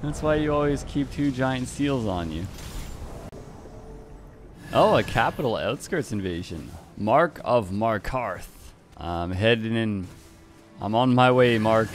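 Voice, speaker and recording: A man's voice: medium pitch, expressive, slow, soft background music. A man giving casual, playful commentary over his own gameplay, chuckling often and greeting the players he meets. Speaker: gaming YouTuber.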